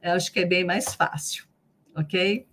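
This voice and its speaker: A woman's voice: lowish voice, fairly even intonation, unhurried, fairly bright tone. A middle-aged woman with a Brazilian accent gives a live online training talk. She speaks in a chatty way, repeats herself and asks her listeners to agree. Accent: Brazilian Portuguese. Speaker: lecturer and trainer.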